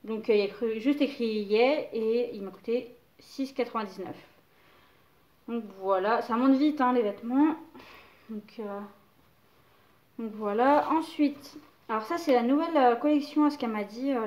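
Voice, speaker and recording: A woman's voice: fairly high pitch, normal speed, darkish tone. A young woman casually chatting about clothes to camera, hesitant and full of fillers. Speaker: mother showing baby clothes haul.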